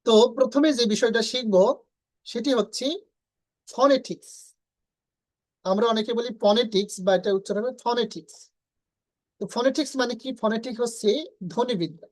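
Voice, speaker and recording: A woman's voice: a little high, fast talker, low-quality recording. A woman teaching English pronunciation in an online lesson, explaining step by step and repeating letter sounds for drill.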